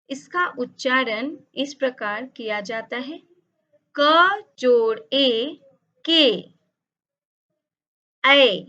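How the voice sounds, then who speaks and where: A woman teaching over slides, speaking slowly and carefully and drawing out each sound she spells. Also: fairly high pitch, fairly bright tone. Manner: drawn-out, emphatic spelling of sounds. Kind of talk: slow, careful lesson narration over slides. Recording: dull lo-fi audio.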